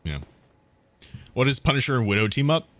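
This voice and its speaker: A man's voice: medium pitch, animated, fairly quick. A man giving casual gameplay commentary as a streamer and host. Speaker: game streamer and video host. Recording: loud game noise and clicking.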